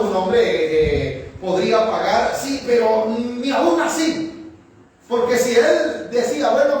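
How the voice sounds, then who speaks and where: A man preaching a sermon, often asking the congregation questions. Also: high-pitched. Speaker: pastor. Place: church. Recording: echoey room from far off.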